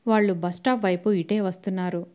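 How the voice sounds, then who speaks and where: A woman narrating a novel as an audiobook, reading in a steady, even storytelling manner. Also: on the low side, fairly quick.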